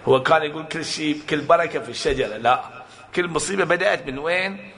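A man's voice: fairly high pitch, fast talker, slight background noise. A man preaching a sermon to a congregation, telling stories, acting out quotes and firing rhetorical questions. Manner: animated storytelling with acted-out quotes and rhetorical questions.

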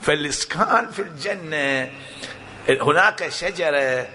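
A man's voice: on the high side, unhurried, slight background noise. A man preaching a sermon to a congregation, telling stories, acting out quotes and firing rhetorical questions. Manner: animated storytelling with acted-out quotes and rhetorical questions.

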